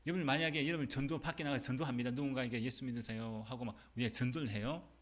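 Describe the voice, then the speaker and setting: A man's voice: medium pitch, rapid-fire. A male pastor preaching a Sunday sermon in a church, emphatic, repeating words and putting questions to the congregation. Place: church sanctuary.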